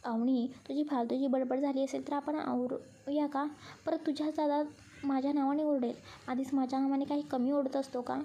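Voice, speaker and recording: A lively young woman in a romance storybook, hurried and a little bashful, as a woman reads her. She pleads and pushes in a high, mellow voice over a faint hiss. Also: lo-fi sound. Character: young woman, bubbly friend, shy about romance.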